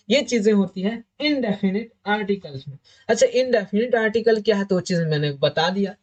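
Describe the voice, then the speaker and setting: A man teaching an exam-prep English grammar lesson, repeating each point several times with frequent filler phrases. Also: high voice.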